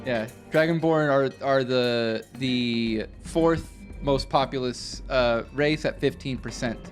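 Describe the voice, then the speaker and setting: Casual game master over faint music. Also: medium pitch. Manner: casual, halting with fillers. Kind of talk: narrating a tabletop game. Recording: stream with faint background music.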